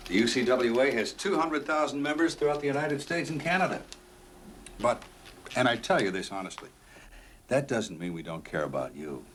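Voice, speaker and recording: A condescending union official, played by a man, offers hollow reassurance. His pitch moves animatedly, with faint noise behind. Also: lively intonation, normal speed, fairly bright tone, lightly acted. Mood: glib. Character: smooth, dismissive male union official.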